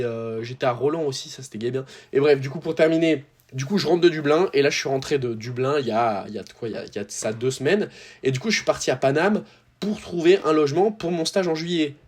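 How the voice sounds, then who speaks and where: A young man from France telling a rambling, slangy story to his viewers, with lots of fillers and restarts. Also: mid-range voice. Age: young adult. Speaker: tennis YouTuber.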